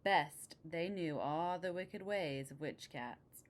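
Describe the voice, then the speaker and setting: A woman's voice: sits low, slow. A woman reading a picture book aloud expressively, adding casual asides about the pictures.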